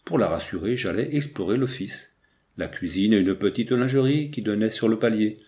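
A man narrating a first-person story as an audiobook reader, measured with lively emphasis. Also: lowish voice.

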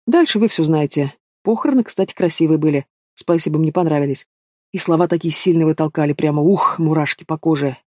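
Audiobook heavy: mocking young thug, read by a man, mellow and fairly high. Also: a little fast, no room sound, studio quality, lightly acted. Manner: taunting, drawling, casual menace. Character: sneering young male villain, lazy and mocking. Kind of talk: audiobook character voice.

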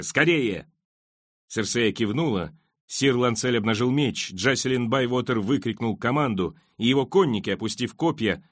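A man reading a fantasy novel aloud as an audiobook, in a steady, expressive storytelling manner. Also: medium pitch, no room sound, studio quality. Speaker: audiobook reader. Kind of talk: dramatic audiobook narration.

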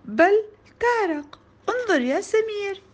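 A woman's voice: a little slow, heavily acted. Woman doing an eager little girl. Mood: excited. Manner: excited, high squeals. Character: young girl with a lisp-like speech problem, eager.

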